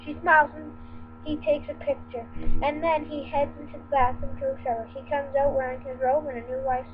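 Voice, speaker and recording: A woman's voice: high-pitched, level tone, fairly quick. A young woman reading dirty jokes aloud, laughing and stumbling over words, on a tinny home recording with hum.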